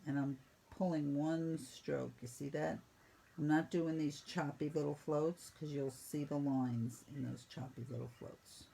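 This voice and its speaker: A woman painting instructor walking students through each brush stroke in a brisk, teasing teaching manner. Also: low-pitched, steady tone, vocal fry, mellow, slightly rough, rough recording. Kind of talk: step-by-step painting lesson.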